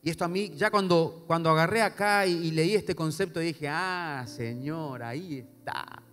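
A male pastor preaching a sermon, swinging between soft low asides and loud emphatic repetition. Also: normal speed. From Paraguay. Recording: long hall reverb with faint music.

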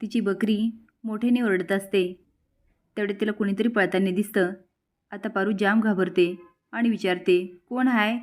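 A woman narrating a recap of a television serial in a steady storytelling voice. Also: medium pitch, moderate pace, pauses often.

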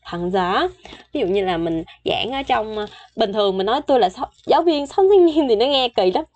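A woman teaching a beginner Korean lesson online, saying each word several times for practice and explaining in a chatty, friendly way with soft sentence endings. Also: on the high side, expressive, quick pace, muffled recording.

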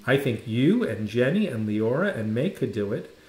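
A man voicing a sick, loving grandmother who speaks softly and sleepily from her bed, in a storybook read aloud. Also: medium pitch, very animated, normal speed, natural voice. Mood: encouraging. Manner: soft and sleepy. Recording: roomy echo.

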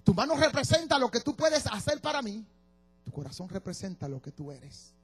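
A man preaching, giving voice to God as he speaks to Moses with passionate, shouted pronouncements. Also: on the high side, expressive, moderate pace, breathy edge, faint music behind. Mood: tender. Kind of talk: sermon.

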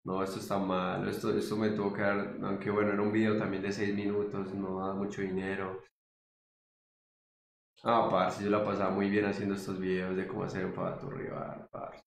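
A man's voice: deep voice, completely flat delivery, a little fast, creaky, roomy sound, slight background noise. A man, chatting casually as he reminisces about his old gaming videos and laughs often. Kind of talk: casual chat.

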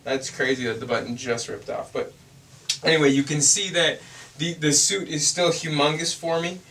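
Earnest young man vlogging, bright voice. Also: fairly high pitch, steady tone, normal speed, distant mic, slight background noise. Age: young adult. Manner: rambling, earnest, many fillers and restarts. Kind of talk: casual reflective vlog.

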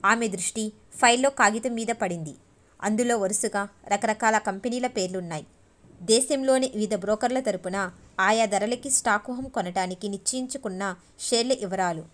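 A woman narrating a novel as an audiobook, in steady, measured storytelling. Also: medium pitch. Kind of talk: novel reading.

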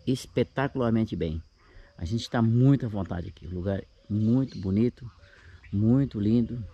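With a warm tone and a lowish voice, a Brazilian man in his sixties narrates a casual camping vlog. He's outdoors at a grassy lakeside campsite.

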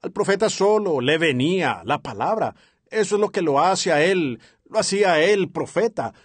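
Brief: man interpreter for a sermon dub, husky, earnest, lively intonation; dry studio voice-over. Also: high voice, normal speed, dry recording. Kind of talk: dubbed sermon translation.

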